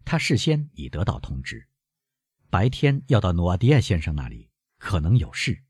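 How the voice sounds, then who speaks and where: Husky male audiobook narrator. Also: low voice, huge pitch swings, normal speed, darkish tone, dry recording, studio quality. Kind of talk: audiobook narration of a classic novel.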